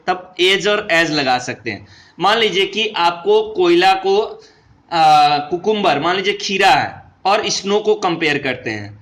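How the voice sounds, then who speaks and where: A man's voice: high-pitched, pushed and bright. A male English teacher with an Indian accent who explains grammar step by step in an online revision class, mixing Hindi and English and often checking with "right?". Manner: switches between Hindi and English while teaching.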